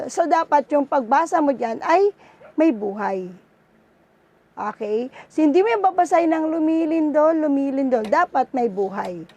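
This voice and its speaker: High-voiced Filipino woman teaching a class. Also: creaky, a little mellow, lo-fi sound. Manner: coaxing, checks with "no?" and "okay?". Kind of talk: online class lesson.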